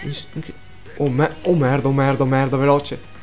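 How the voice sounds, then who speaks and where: A young man commentating his gameplay, swearing often, muttering and then bursting into frantic shouts. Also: medium pitch, little pitch movement, fairly quick, faint music behind. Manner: swears a lot, frantic outbursts, mutters under breath. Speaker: gaming let's player.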